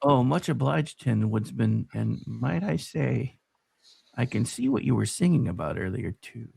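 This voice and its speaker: A man acting a brainless, good-natured, folksy scarecrow with a creaky, gravelly voice in a parody radio play. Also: mid-range voice, lively intonation, a little slow, dark tone, no echo, exaggerated voice. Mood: folksy, appreciative.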